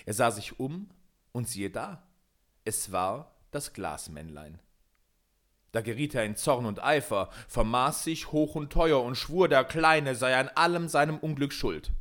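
A man narrating a fairy tale with a measured, expressive reading. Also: mid-range voice.

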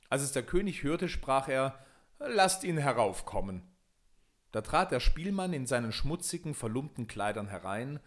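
A man reading a fairy tale aloud in a lively, expressive way. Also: mid-range voice. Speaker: storyteller.

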